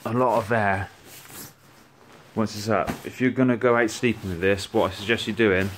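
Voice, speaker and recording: Brief: a man, lowish voice, relaxed and chatty, reviewing gear on a handheld phone at home. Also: normal speed, slight background noise. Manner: chatty, relaxed, with frequent restarts. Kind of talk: casual product walkthrough. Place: indoors at home, on a rug.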